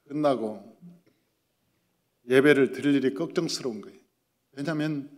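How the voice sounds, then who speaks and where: A man preaching as pastor, telling a story and acting out dialogue, moving between loud emphasis and hushed prayer. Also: medium pitch. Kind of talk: sermon. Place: church sanctuary. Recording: reverberant church hall.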